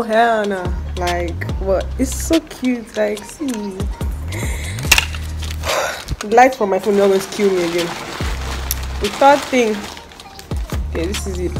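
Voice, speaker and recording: Woman, casual vlog chat, blunt, swears freely, home unboxing, music playing. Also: medium pitch. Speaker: vlogger.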